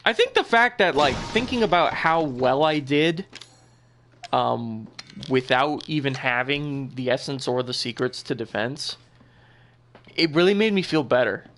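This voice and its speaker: A man's voice: medium pitch, animated, a little slow, a bit bright, slight background noise. A young man giving casual gameplay commentary as a channel host, rambling and loose with lots of filler words and the odd swear.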